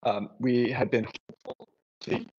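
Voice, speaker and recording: A man's voice: mid-range voice, steady tone, moderate pace, a little mellow, breathy edge, lo-fi sound. A man giving a project update on a video call through headphones, hesitant with many ums, his audio cutting out and breaking up. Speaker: project lead presenting a proposal.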